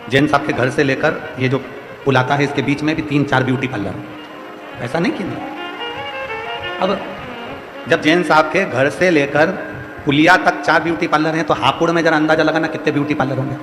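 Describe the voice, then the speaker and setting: A man's voice: fairly high pitch, moderate pace, long pauses. Male preacher, central Indian Hindi accent, exhorting, repetitive cadence, echoey live hall. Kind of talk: devotional sermon to a crowd. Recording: echoey hall with faint music.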